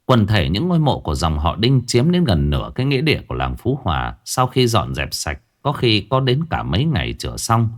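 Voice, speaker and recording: A man's voice: fairly low pitch, wildly swooping pitch, fairly quick, few pauses. A man narrating a ghost story in a dramatic storytelling manner.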